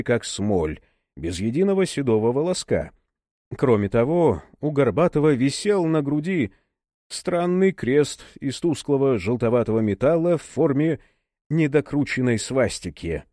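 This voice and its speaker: A man narrating an audiobook in a lively, dramatic reading. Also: mid-range voice, dry recording, clean studio sound. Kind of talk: scripted narration.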